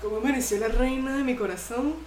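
A woman's voice: fairly high pitch, fast, roomy sound, heavy background noise, close to an everyday voice. A woman imitating a sleazy middle-aged man who sends syrupy flirty voice notes, murmuring pet names. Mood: oily.

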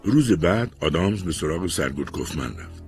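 A man narrating an audiobook in a measured, composed way. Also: sits low, animated, a little mellow, faint music behind.

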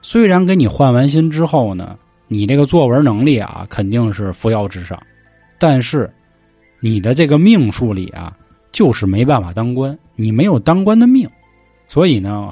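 A man voicing a gruff, hard-drinking male underworld judge who talks bluntly, swears and jokes like a drinking buddy. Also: medium pitch, sing-song, normal speed, dark tone, no room sound, soft background music. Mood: jovial. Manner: blunt, swears, brotherly banter.

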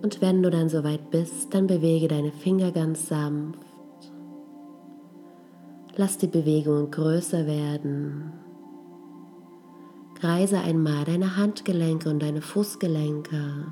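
Woman, guided meditation, low mellow voice, soft and breathy, very unhurried, music behind. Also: fairly even intonation. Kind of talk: guided healing meditation, slow and soothing.

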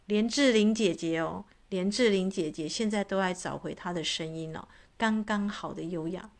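A woman's voice: on the low side, moderate pace. A woman, a voice coach talking casually to her audience, chatty and full of filler particles. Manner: chatty, many filler particles, imitates cat meows. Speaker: voice and astrology coach.

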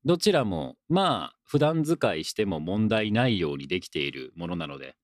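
A young man hosts a casual solo radio show, reading listener letters and drifting into loose, self-deprecating asides. His voice sits low but swings widely in pitch as he teases in a mock-formal tone. The sound is close and dry, with no room around it. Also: sing-song, normal speed, no echo. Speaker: podcast host.

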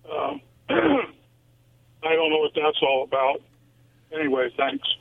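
A male radio caller with a gravelly voice, speaking in a plain, offhand way. The sound comes through a tinny phone line. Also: on the high side, big pitch swings, slow pace. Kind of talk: phone-in comment.

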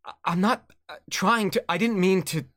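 An actor playing a gentle young man who speaks softly and haltingly. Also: high-pitched, no echo, clean studio sound. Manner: soft, halting, apologetic.

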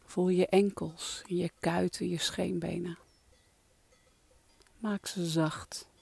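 A meditation guide with a mellow, creaky voice speaks very slowly and softly. The delivery is calming and breathy, often sinking toward a whisper, as in a guided relaxation. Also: medium pitch, no echo.

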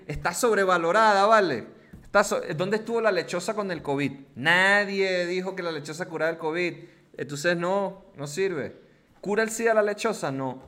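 Bright, mock-indignant man. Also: high-pitched. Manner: playful, mock-indignant rants. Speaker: podcast co-host. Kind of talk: casual comedic podcast chat.

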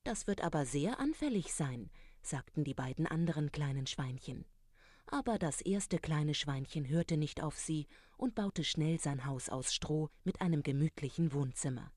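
A storyteller reading a fairy tale aloud in a calm, even manner. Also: mid-range voice, moderate pace, no room sound, clean studio sound.

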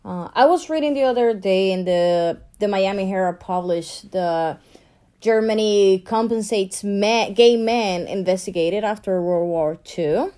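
A woman's voice: medium pitch, unhurried, mellow. A woman co-hosting a casual podcast, reading news items aloud and breaking off into chatty asides. English is not her first language. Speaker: podcast co-host.

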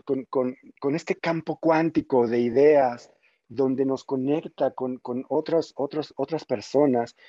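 A man telling a story and musing in casual conversation, animated and emphatic, often restarting his phrases. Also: medium pitch, no room sound. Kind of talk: storytelling and reflective chat. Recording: dull muffled audio.

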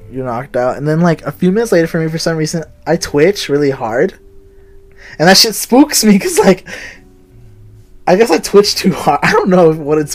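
A young man co-hosting a podcast, telling a rambling story with lots of swearing and acted-out quotes. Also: on the high side. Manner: animated, swears a lot, acts out quotes. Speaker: podcast co-host. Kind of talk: casual chat, rambling storytelling.

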